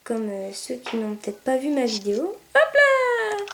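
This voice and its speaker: A high-pitched woman chats through a pet game in a casual, excitable way. She coos at her puppy and calls out commands loudly. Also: brisk, creaky, slight background noise. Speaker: gameplay video maker. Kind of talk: casual gameplay commentary.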